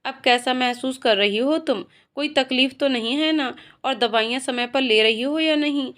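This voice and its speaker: A woman's voice: high-pitched, moderate pace, fairly bright tone. A woman voicing a cheerful young male college student who talks in a playful, coaxing, polite way.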